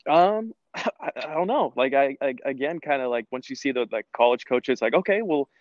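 A man's voice: mid-range voice, normal speed, no echo, lo-fi sound. A man, a former college soccer player, telling his story in a casual interview with lots of restarts and fillers. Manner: rambling, many restarts and filler words.

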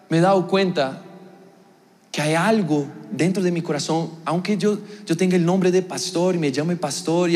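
A young adult man preaching a sermon as a pastor, telling a personal story earnestly, swinging between raised emphasis and quiet reflection. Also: a little high, big-room sound.

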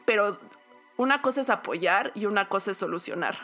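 A woman's voice: mid-range voice, fairly quick, soft background music. A young woman from Mexico with a Mexican Spanish accent, telling a personal story in a casual podcast chat, acting out quotes. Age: young adult. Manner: animated storytelling with acted quotes.

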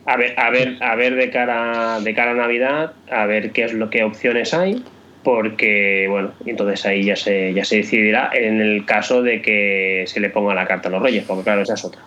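A man's voice: on the low side, steady tone, normal speed, bright, forceful tone. Hesitant man, lo-fi audio. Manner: hesitant, repeats words and restarts often. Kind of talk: casual tech chat.

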